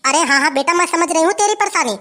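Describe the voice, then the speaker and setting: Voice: very high voice, quick pace, sharp tone, a little hiss or hum. A voice actor doing a kindly old village mother. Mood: soothing.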